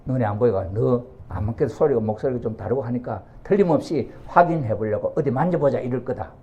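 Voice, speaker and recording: A man preaching by retelling a bible story in an animated way, acting out its characters as he goes. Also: medium pitch, brisk, lo-fi sound.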